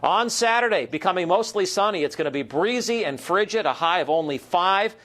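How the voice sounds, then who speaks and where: Higher-voiced American man presenting the weather. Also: lively intonation, brisk, a bit bright. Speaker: TV weather forecaster. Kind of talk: broadcast weather forecast, ad-libbed presentation.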